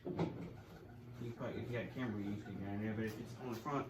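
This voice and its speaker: A young man giving a casual how-to to camera, halting as he searches for words. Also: on the low side, fairly even intonation. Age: young adult. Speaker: video host. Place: garage, phone on tripod a few feet away. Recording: clearly noisy garage phone recording.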